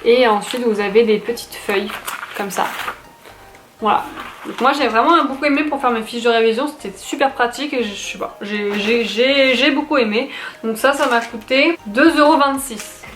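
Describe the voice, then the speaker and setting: A woman's voice: on the high side, moderate pace, fairly bright tone. A young woman vlogger chatting casually about her shopping, rambling with fillers and restarts. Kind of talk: casual haul video chat. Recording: echoey room with faint noise.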